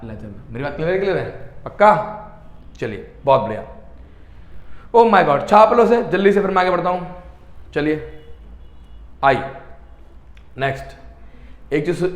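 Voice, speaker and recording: Echoey male teacher quizzing his class. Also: a little high. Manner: call-and-response questioning, answers own questions; affectionate Hindi teacher talk, calls students beta. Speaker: commerce teacher. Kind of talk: online class lecture.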